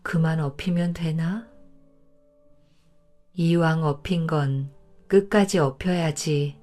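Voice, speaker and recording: Storybook role: woman narrator as a wry, calm old male minister, low and quiet. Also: faint music behind. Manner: quiet, unhurried, dry.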